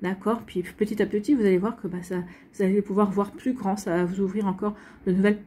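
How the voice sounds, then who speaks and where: A woman's voice: medium pitch, level tone, quick pace, mellow, slight background noise. A French woman giving a casual, rambling astrology reading to her viewers, full of restarts and reassurance. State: hiccups. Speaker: astrology and tarot reader.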